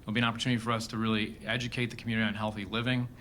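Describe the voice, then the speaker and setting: Fast, bright-voiced Chicago businessman. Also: on the low side, flat delivery, a little hiss or hum. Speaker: corporate sponsor executive. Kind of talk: prepared press speech.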